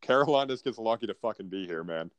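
A man's voice: lowish voice, expressive, fast, dry recording, muffled recording. A North American man in casual sports chat as a podcast co-host, blunt and profane with frat-bro banter.

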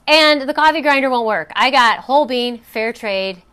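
A woman hosts a personal coaching talk in a high, smooth, clear voice. She tells a story conversationally, with fillers and restarts. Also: normal speed, bright, forceful tone. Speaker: host.

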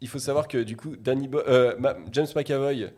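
A man's voice: mid-range voice, fairly even intonation, moderate pace, a little mellow. A man hosting a casual chat about a film, laughing easily and teasing his co-hosts. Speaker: show host.

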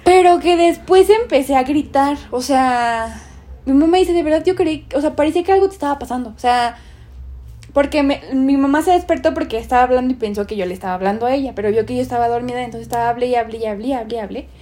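A young woman tells a ghost story in casual chat. Her voice sits a bit high and she is animated, acting out the voices she quotes and leaning on lots of fillers. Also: quick pace.

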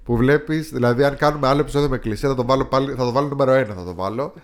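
Opinionated man picking films apart. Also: medium pitch. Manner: opinionated, picky critic who mimics actors' accents. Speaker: podcast co-host. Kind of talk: casual film-review chat.

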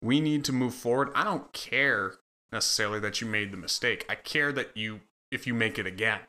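A man's voice: mid-range voice, a little fast, pushed and bright. A man from Michigan, a football line coach, co-hosting a casual podcast and explaining his coaching rules in an earnest, instructive way.

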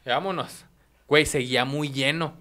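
A young man with a Mexican Spanish accent telling a story in casual podcast chat, animated and slangy, laughing as he goes. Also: fairly high pitch, moderate pace.

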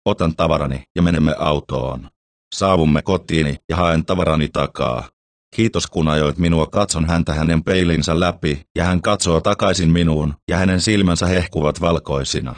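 Man, horror story narration, steady and even, very low voice, dry sound. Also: no room sound.

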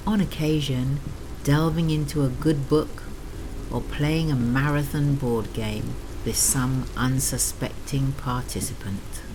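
A woman in middle age speaks in a remarkably low register, at a slow, unhurried pace. Her delivery is intimate, soothing and sultry, breathy and slipping into whispers as she hosts a sleep story. Rain is clearly audible behind her voice. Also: noisy background. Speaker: host of a sleep story series. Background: steady rain.

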